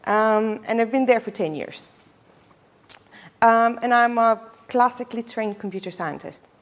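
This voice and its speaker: A woman's voice: on the high side, unhurried. Chatty woman giving a conference talk. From Bulgaria. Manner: chatty, frequent ums, self-deprecating asides. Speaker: conference speaker. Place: lecture hall with projector screen. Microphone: headset mic.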